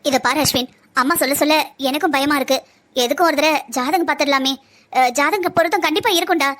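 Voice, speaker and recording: A woman voicing a sharp-tongued, scheming young woman who pushes and coaxes her family in a cartoon drama. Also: sits high, quick pace. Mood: coaxing. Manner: pushy, coaxing.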